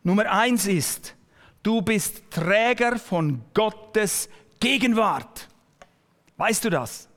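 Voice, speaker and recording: In a sermon to his congregation, a male pastor speaks personally and directly to the listener, often slowing and dropping to almost a whisper for emphasis. The voice is high, expressive and somewhat bright, trailed by a long reverb.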